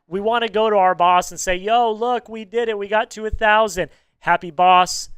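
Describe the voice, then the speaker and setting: A man co-hosting a live-streamed sports talk show, relaxed and encouraging viewers to join in. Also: sits high, normal speed, clear, resonant tone, no echo. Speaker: co-host.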